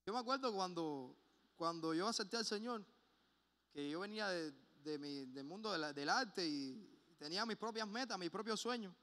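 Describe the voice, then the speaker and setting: Male preacher, high bright voice, fervent delivery, long church reverb. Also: animated, moderate pace. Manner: impassioned, swings between loud emphasis and hushed personal asides. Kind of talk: sermon. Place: church sanctuary.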